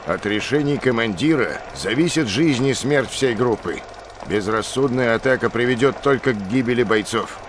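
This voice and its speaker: A distant, noisy playback of a male training film narrator , played by an actor. He is stern, measured and didactic, reading military instruction for a video game. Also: mid-range voice, animated, natural voice. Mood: stern, instructive.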